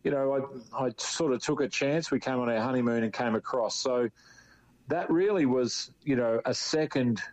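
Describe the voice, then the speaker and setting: A man's voice: mid-range voice, moderate pace, darkish tone, poor audio. A man in his fifties with an Australian accent, a guest in an interview, telling long rambling stories full of restarts and "you know". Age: 50s. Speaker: interview guest, former footballer. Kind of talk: relaxed storytelling.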